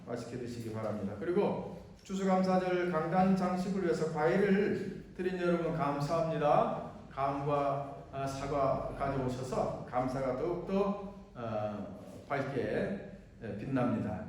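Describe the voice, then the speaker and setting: A man serving as pastor, praying in a measured, solemn cadence and then giving church announcements with frequent fillers. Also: on the high side, lively intonation, a little mellow, a little hiss or hum. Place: church sanctuary. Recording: echoey church hall, distant mic.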